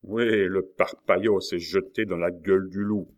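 A man's voice: deep voice, fairly even intonation, a little slow, darkish tone, lo-fi sound. A man voicing a scheming, greedy, cowardly male innkeeper with a sly manner. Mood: sly eager.

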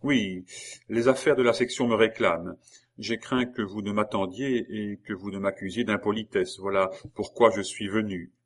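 A man's voice: on the low side, fairly even intonation, moderate pace, close to an everyday voice. A man reading aloud, voicing a jealous, ardent young man in love with an intense, earnest delivery. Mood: cool. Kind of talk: audiobook character voice.

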